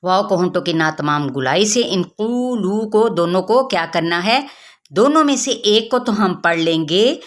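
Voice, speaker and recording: Female recitation teacher with an unhurried, deliberate delivery who poses a question and then answers it herself. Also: medium pitch, lively intonation. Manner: explains pronunciation rules step by step, asking and answering her own questions. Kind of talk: tajweed lesson with slow chanted recitation.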